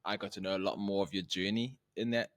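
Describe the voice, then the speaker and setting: A man's voice: deep voice, fairly even intonation, quick pace. A man hosting a casual podcast interview, upbeat and enthusiastic, with lots of fillers and laughter. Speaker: podcast host.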